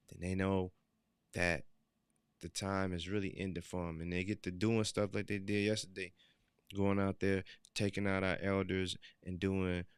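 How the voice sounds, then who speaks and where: A man's voice: low-pitched, fairly bright tone, smooth, no room sound. A man hosting his own podcast, speaking a solo monologue in an earnest, preachy, loose way with many fillers, restarts and repeated phrases for emphasis. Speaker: podcast host.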